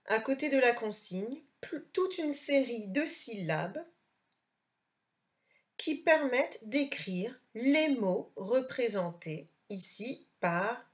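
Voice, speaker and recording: A woman teacher, recording a slow dictation lesson for a child and carefully articulating each word. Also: a little high.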